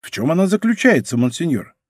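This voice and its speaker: An eager, bowing castle warden who answers every question with courtesy, as the narrator reads him. His voice is a touch higher than the narration and sounds dry and close. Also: sing-song, quick pace, slightly rough, dry recording. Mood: deferential. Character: deferential male castle warden, servile.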